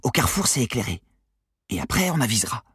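A man's voice: mid-range voice, sing-song, fast talker, a bit bright, breathy edge, no echo, studio quality, voice pushed up, exaggerated voice. A man reading an audiobook, voicing a nervous but witty teenage boy who protests a lot. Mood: edgy.

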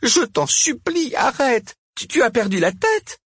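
A man voicing an anguished woman who begs and pleads in a shrill, strained voice in a storybook reading. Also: big pitch swings, a little slow, a bit bright, husky, no echo, heavily acted. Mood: desperate pleading.

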